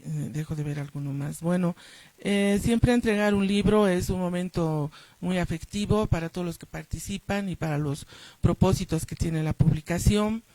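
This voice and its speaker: A woman co-editor giving a formal book launch speech, measured and full of hesitant fillers. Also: fairly low pitch, mellow, dry recording, rough recording. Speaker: book co-editor and former program director.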